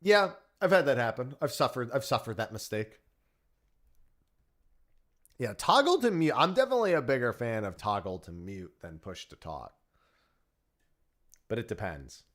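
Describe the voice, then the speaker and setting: A man's voice: medium pitch, big pitch swings, moderate pace, a bit bright. A man hosting a stream, talking casually in a group voice chat. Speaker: stream host.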